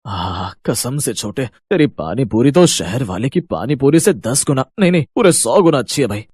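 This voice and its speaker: A man's voice: medium pitch, big pitch swings, moderate pace, darkish tone, slightly rough. A man voicing a tired, hardworking elder brother in a cartoon story, grumbling about prices in town. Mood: weary. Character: weary hardworking elder brother, young adult farmer.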